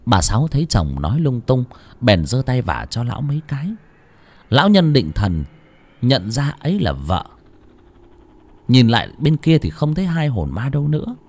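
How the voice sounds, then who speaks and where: A man narrating a horror story in an expressive, dramatic style. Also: mid-range voice, moderate pace. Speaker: audiobook narrator.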